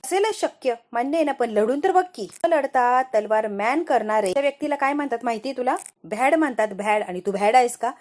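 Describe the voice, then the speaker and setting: A woman's voice: a little high, fairly quick, few pauses, darkish tone, close to an everyday voice. A woman reading the lines of an angry middle-aged mother scolding her son. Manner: scolding, reproachful.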